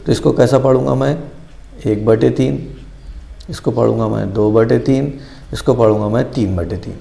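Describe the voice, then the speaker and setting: A man walks through a math lesson, repeating each step and quizzing himself aloud. His voice is gravelly and mellow, with a dark tone. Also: mid-range voice, steady tone, normal speed. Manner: patient, repeats steps, asks and answers his own questions. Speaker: math teacher.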